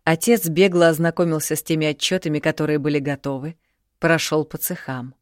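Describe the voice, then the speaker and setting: A woman reading a novel aloud as audiobook narrator, calm and even. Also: low-pitched, a little fast, no echo, clean studio sound. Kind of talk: scripted narration.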